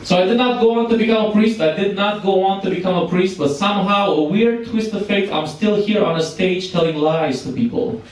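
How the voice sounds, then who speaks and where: A man from Romania, doing stand-up crowd work with teasing, quick-fire banter. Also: high voice, recorded from a distance. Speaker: stand-up comedian. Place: comedy club stage in Berlin. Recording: echoey club, mic heard from afar, crowd noise.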